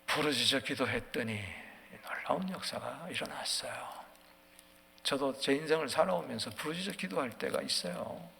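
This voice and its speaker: Fervent preaching pastor in echoing church. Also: male voice, mid-range voice, expressive, normal speed, gravelly, a little hiss or hum. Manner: swings from quiet musing to loud fervent preaching. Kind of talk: dawn prayer sermon. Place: church sanctuary. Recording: long church hall reverb.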